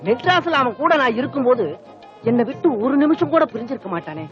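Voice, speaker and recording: An actor playing a boastful, chatty village friend in a comedy film. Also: male voice, extremely high pitch, big pitch swings, fast talker. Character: boastful village friend, fast-talking show-off. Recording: muffled old film soundtrack with music.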